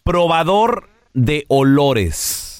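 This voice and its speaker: A man's voice: a little high, sing-song, very slow, clear, resonant tone. A man with a Mexican accent hosting a radio comedy show, teasing and playful as he banters with co-hosts and callers.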